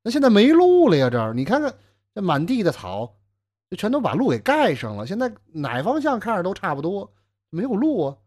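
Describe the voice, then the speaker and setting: Give me a man playing a blustering scholar, stammering and pushy, with a lively, swooping voice. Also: high-pitched, brisk, voice pushed up, heavily acted. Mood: puzzled. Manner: stammering, loud and demanding. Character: blustering, jumpy male scholar Chai Wentong.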